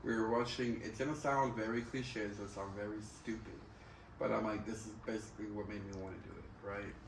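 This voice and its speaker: In relaxed, frank conversation, this man swears freely and keeps repeating slangy, chatty phrases. His lowish voice is gravelly and a little fast with fairly even intonation, and the recording sounds roomy and distant with faint background noise.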